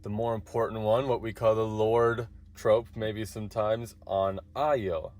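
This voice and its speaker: Earnest man explaining, lowish voice. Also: fairly even intonation, measured pace, darkish tone. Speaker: guest Torah reader. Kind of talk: conversational explanation.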